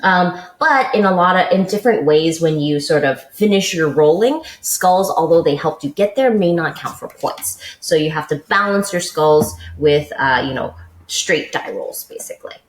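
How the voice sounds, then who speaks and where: In a board game podcast, a female co-host explains rules step by step during a casual chat. She speaks at normal speed with a low voice and lively intonation, in an echoey room.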